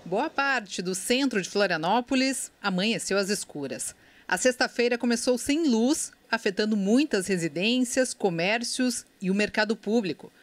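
A woman with a Brazilian Portuguese accent reading a scripted news voice-over in a measured, formal way. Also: mid-range voice, no room sound. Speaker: news reporter. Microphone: studio voice-over.

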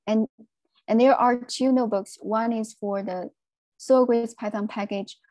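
A woman giving a technical presentation on a video call, speaking in a measured way with frequent fillers. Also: on the high side, steady tone, mellow, dry recording.

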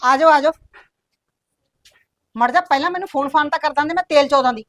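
A woman's voice: sits high, fairly quick, no room sound. A woman playing a scolding older village mother. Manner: scolding, complaining, sharp-tongued. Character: stern aging village mother, touchy and scolding. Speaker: mother in a family drama. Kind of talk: village web-series acting.

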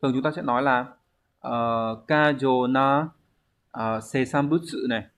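A man's voice: medium pitch, moderate pace, fairly bright tone. A man, teaching a language exam review lesson, explaining step by step and answering his own questions.

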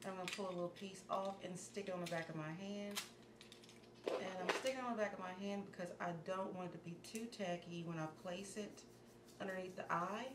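A beauty vlogger in her thirties runs through a step-by-step makeup tutorial against a plain wall in a small indoor room, speaking calmly and instructively at a brisk pace in a medium pitch. She sounds a little hoarse, as if losing her voice, and softens nearly to a murmur while working. The room is echoey, with background hiss.

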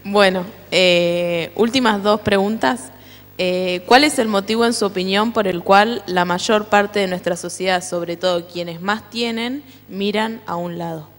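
A woman interviewer asking measured, formal questions. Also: medium pitch, in a large hall.

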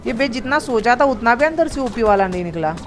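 A man with an Indian accent hosting a multiplayer gameplay video, excitedly hyping a raid and making playful sound effects. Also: very high-pitched, fairly quick, slight background noise. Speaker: gaming channel host. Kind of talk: live multiplayer gameplay chat.

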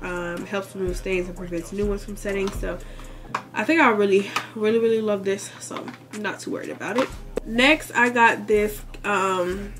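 A young woman, slightly congested, chatting casually through a shopping haul vlog full of fillers. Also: medium pitch. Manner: chatty, relaxed, filler-heavy. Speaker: vlogger.

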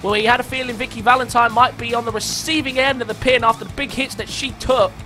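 A high-pitched, bright and forceful male voice calling a wrestling match blow by blow. He is excitable and lifts into shouts whenever a big move lands. Music plays faintly underneath. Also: quick pace. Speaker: wrestling commentator. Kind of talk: play-by-play wrestling commentary.

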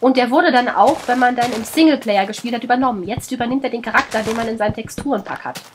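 A woman's voice: fairly high pitch, fast, noisy background. A woman with a German accent, sick and under the weather, chatting her way through a let's play, scolding the animals in the game and swearing casually.

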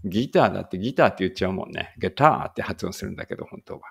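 A man teaching a casual English read-aloud lesson, chatty and correcting himself as he goes, reading English sentences slowly. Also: low voice, expressive, creaky, fairly bright tone, slightly rough.

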